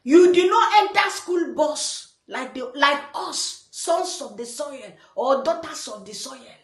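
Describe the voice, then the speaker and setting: A Nigerian woman comments on a clip in a playful, teasing way and keeps breaking into laughter. Her voice sits very high and jumps around a lot. The room gives her voice a noticeable echo. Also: expressive, slow. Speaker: online commentator. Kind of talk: reaction commentary. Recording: roomy echo.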